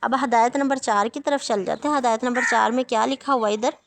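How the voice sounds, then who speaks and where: A woman teaching Quran reading, drilling letter sounds slowly and explaining patiently with reassuring repeated check-ins. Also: a little high, fairly even intonation, background noise. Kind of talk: slow recited drill and explanation.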